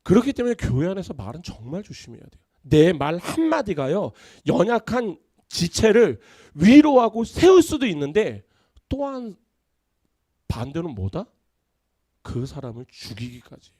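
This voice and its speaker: A man's voice: sits high, big pitch swings, moderate pace, dark tone, breathy edge, no echo, clean studio sound. A pastor preaching a Sunday sermon, telling stories and acting out his friends' voices.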